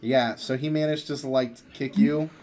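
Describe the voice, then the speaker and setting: A man's voice: medium pitch, fairly even intonation, moderate pace, darkish tone, slight background noise. A young man running a tabletop game as game master, narrating loosely with many fillers.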